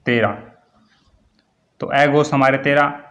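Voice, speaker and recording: A man teaching a Hindi grammar lesson, dictating definitions slowly and repeating key words for students. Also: mid-range voice, fairly even intonation, fairly bright tone. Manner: slow, repetitive dictation, word by word.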